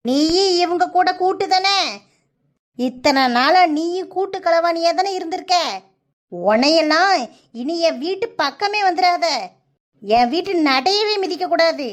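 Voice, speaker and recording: A woman's voice: very high voice, lively intonation, unhurried. A woman voicing a reproachful, indignant middle-aged village mother in a cartoon, with a southern Tamil Nadu accent. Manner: reproachful, scolding.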